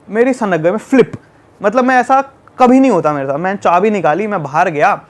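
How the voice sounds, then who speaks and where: A man from Delhi, a travel vlogger, telling a road-trip fight story in an animated, casual way. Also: sits high. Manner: animated, acts out shouting in the retelling. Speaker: travel youtuber guest.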